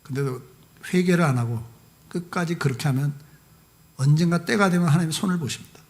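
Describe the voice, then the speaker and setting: A man preaching a sermon as a guest pastor, telling the story in a lively way, acting out dialogue and adding humorous asides. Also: fairly high pitch, a little fast. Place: church service.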